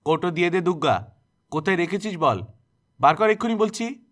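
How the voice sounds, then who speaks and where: A man's voice: sits high, sing-song, brisk, voice pushed up. A man voicing a harsh, domineering older village woman who scolds and threatens. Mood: scolding.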